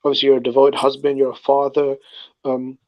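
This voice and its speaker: Man, mid-pitched, agreeable, hesitant slangy chat, dull recording. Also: monotone, a little fast. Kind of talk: casual group chat. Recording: dull lo-fi audio.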